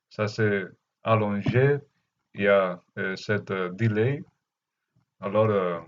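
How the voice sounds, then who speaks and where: A man with a foreign Spanish or Catalan accent, speaking halting non-native French as he gives an unscripted spiritual message, often searching for words. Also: fairly low pitch. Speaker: spiritual teacher. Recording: dull, lo-fi muffled sound.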